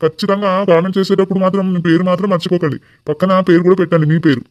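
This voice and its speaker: A man's voice: sits high, no echo, muffled recording, natural voice. A man playing a genial village priest who arranges a wedding and offers formal blessings. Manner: monotone, fast, formal blessings.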